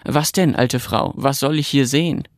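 A man's voice: mid-range voice, moderate pace, dry recording, clean studio sound, lightly acted. A man reading aloud, voicing an impatient, curious little girl who talks in an eager, pleading way. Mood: annoyed.

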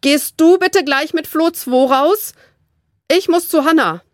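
A woman reading a children's book aloud and voicing a lively, quick-witted young girl who teases and jokes. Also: high-pitched, dry recording, studio quality, voice pushed up. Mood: urgent. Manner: quick, bright, joking.

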